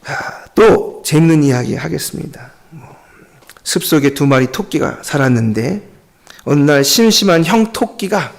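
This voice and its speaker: A man's voice: fairly high pitch, animated, moderate pace, vocal fry. A male pastor giving an earnest Sunday sermon and often addressing the congregation directly.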